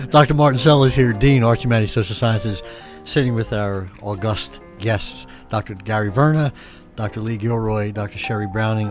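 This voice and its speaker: A man, a college dean, hosting a radio interview with professors and talking casually, with many pauses and fillers. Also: lowish voice.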